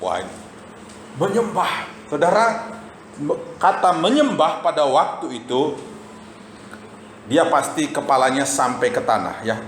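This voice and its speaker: A man preaching a sermon to his congregation, telling lively stories and often repeating a tag phrase to the listeners. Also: fairly high pitch, a little slow, slight background noise. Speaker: pastor. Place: church sanctuary. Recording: echoey church hall, faint ambience.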